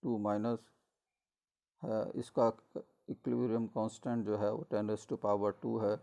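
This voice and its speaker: Gravelly low-voiced male chemistry lecturer. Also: little pitch movement, warm tone. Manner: measured explanatory delivery with frequent fillers and self-corrections. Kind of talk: recorded college lecture.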